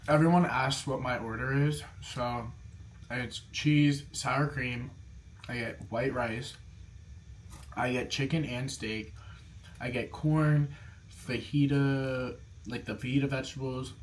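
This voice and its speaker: A man's voice: mid-range voice, steady tone, takes it slowly, slight background noise. A man in his early twenties chatting casually as he eats and answers viewer questions, with many "like" fillers. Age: young adult. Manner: chatty, lots of "like" fillers, talks between bites. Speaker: food vlogger. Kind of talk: casual mukbang Q&A while eating.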